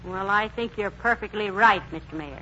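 A performer playing a patient, gently teasing wife in a 1940s radio comedy, vintage broadcast sound. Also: male voice, sits high, moderate pace, highs cut off, slight background noise. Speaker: comedy co-lead.

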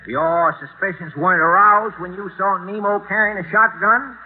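An actor playing an earnest, excitable small-town lawyer who tells jokes in old radio comedy patter. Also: male voice, high voice, moderate pace, natural voice. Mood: earnest, flustered. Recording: tinny old radio recording with hiss.

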